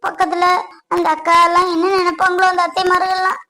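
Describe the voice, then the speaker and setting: Woman playing an anxious young runaway wife, super high voice, soft and pleading. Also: flat delivery, a little fast, low-quality recording. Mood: worried. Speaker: actor. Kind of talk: family comedy-drama acting.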